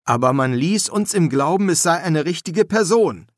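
A brooding young assassin, hesitant and halting, as a man voices him. Slightly raised, lively in pitch, heard close and dry. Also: dry recording. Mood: uneasy. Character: brooding young male assassin student, uneasy.

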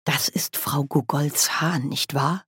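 A woman reading an audiobook, voicing a bawdy, cheerful old witch in a loud, hearty, raised voice. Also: deep voice, fairly even intonation, takes it slowly, husky, no echo, clean studio sound, heavily acted. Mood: musing. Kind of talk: audiobook character voice.

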